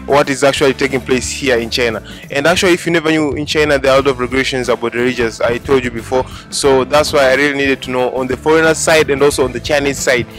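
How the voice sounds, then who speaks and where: A man's voice: medium pitch, a bit bright. A man hosting a street interview vlog outdoors, speaking enthusiastically to camera with repetitive phrasing. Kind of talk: vlog host talking to camera. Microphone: handheld mic.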